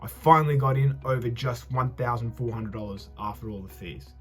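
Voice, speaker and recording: A man's voice: medium pitch, brisk, faint music behind. A young adult man, talking through his investments in a loose, chatty vlog, often correcting himself mid-sentence. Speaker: investing vlogger. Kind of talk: casual vlog monologue.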